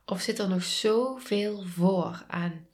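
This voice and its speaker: A Dutch-accented woman gives a reflective solo podcast talk. She speaks very slowly and calmly in a soft, mid-pitched voice. Her words often trail off into hushed whispers. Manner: slow, calm, soft-spoken, drops to whispers. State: sneezing. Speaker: podcast host and coach.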